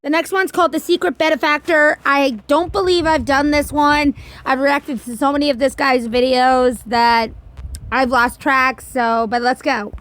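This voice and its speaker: Young-sounding woman reactor, high pitch, chatty, emotive. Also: steady tone, moderate pace, fairly bright tone. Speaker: video reactor. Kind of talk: casual reaction commentary.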